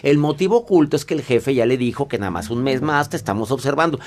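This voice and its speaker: A man, a guest psychologist giving advice on a radio show, acting out angry and calm voices and dropping to a soft low tone for the calm ones. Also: fast. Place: radio booth.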